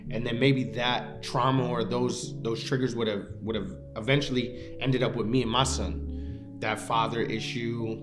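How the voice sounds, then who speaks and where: A man's voice: medium pitch, level tone, unhurried. A man reflecting earnestly in a testimonial interview. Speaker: program participant. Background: guitar music.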